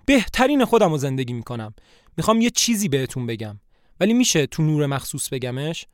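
A glamorous old grandma with a swaggering, lively delivery that rises and falls a lot, read out by a man. she's proud and declaims every line. the sound is close and dry, told like a storybook reading. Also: a little high, no room sound.

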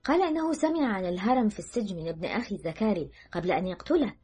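A woman's voice: mid-range voice, expressive, very fast, warm tone, husky, soft background music, pitched above the performer's own voice. A woman narrator voicing a shaken, grieving woman who speaks with a trembling, emotional voice.

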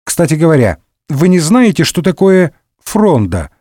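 A man's voice: fairly high pitch, sing-song, a little slow, warm tone, no echo, studio quality, voice pushed up. A man voicing a scheming, sardonic middle-aged cardinal in a comic audiobook, wry and condescending. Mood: smug. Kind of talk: audiobook character voice.

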